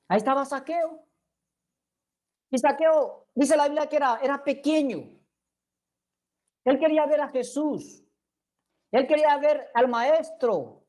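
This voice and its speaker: High-voiced woman preaching a sermon. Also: darkish tone. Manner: earnest, addresses listeners directly with questions.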